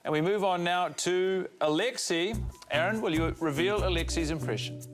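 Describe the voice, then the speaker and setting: A man hosting a comedy panel show, announcing in a mock-formal, deadpan way. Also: high-pitched, normal speed, music in the background. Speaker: game show host. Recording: loud studio noise.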